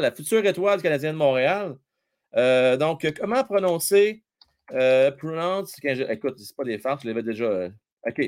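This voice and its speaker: A talkative man with a Quebec French accent hosts a casual live stream about hockey. His voice sits a bit high and swings widely in pitch as he jokes and chats with viewers. He talks loosely and fills his speech with little "euh"s. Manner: chatty, jokey, reads viewer comments aloud, many fillers.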